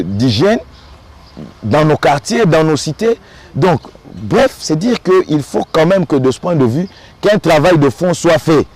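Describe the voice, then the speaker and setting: A man with a Congolese French accent gives earnest, measured commentary in an interview. His voice sits at a middle pitch, and he often stalls by repeating short words before pressing on with his point. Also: darkish tone. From Democratic Republic of the Congo. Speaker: local notable interviewed. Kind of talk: on-site interview, political commentary.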